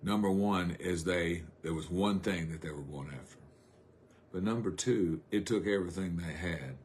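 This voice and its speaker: A middle-aged man, preaching a folksy, rambling sermon on a live stream with drawn-out emphasis. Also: low voice, a little mellow, slight background noise.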